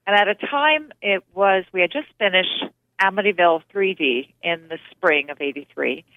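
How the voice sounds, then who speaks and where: Over a tinny phone line with no echo, a woman film producer talks as an interview guest, chattily recalling her work and frequently restarting. Her voice is fairly low, and her pace is moderate.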